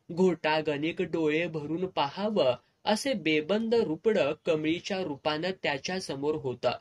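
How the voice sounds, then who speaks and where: Slow, unhurried storyteller. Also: medium pitch. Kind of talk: serialized novel reading.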